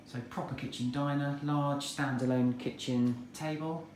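Recorded on a handheld phone with poor audio and faint hiss, an English man tours a detached house and back garden for sale. He uses a mid-range voice at a measured pace, keeping his estate-agent patter easygoing, chatty and plain.

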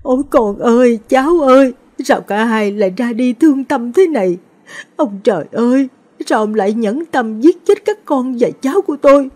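A woman's voice: lively intonation, normal speed, dark tone. A woman voicing a wailing old grandmother. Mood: wailing grief. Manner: wailing, shrill lament. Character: grief-stricken old village grandmother, wailing and fierce.

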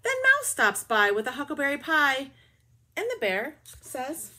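This high-pitched woman in her forties is a teacher doing a children's read-aloud, lively and drawn-out, sprinkling in quiet remarks. She records on a webcam in a small bedroom.

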